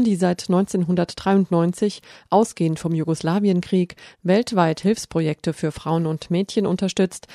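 A woman's voice: fairly low pitch, warm tone, no echo, clean studio sound. A woman reading a scripted radio documentary narration in a sober, serious manner. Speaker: feature narrator.

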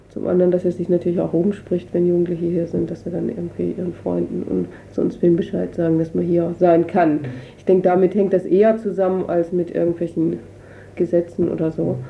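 Her lowish voice has vocal fry as this refugee council representative, being interviewed, explains things spontaneously in a casual, hesitant manner, reaching for words as she goes. It's a noisy radio recording with dull, lo-fi sound.

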